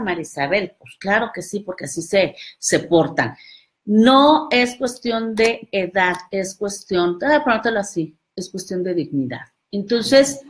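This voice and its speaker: A woman's voice: medium pitch, fairly bright tone. A woman giving a live motivational talk, emphatic and speaking directly to the listener.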